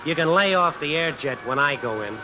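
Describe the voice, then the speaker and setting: A man plays a tough, vengeful drifter telling his own story in the style of old-time radio suspense, hard-boiled, wry and full of slang, in a grim, musing mood. His voice is fairly high, animated, natural and a bit fast. The low-quality, vintage radio-style recording sits under music and the sound of rain.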